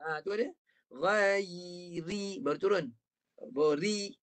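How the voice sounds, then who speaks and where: A male Quran recitation teacher with a Malaysian Malay accent, speaking over a video call in an online class. His voice sits a little high for a man. He patiently sounds out syllables and has the student repeat them. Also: lively intonation, normal speed.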